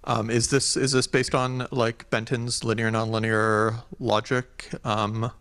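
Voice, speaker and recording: A man's voice: medium pitch, flat delivery, measured pace, fairly bright tone. An audience member, a man, asking a speaker tentative questions with many ums in a lecture hall. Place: lecture auditorium.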